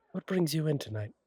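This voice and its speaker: In an intimate audio roleplay, a man plays a kindly, easygoing fallen angel bartender, speaking in a husky, wry, conversational way with unhurried pauses. His voice is a little high with a warm tone, heavily acted, and the recording is dry.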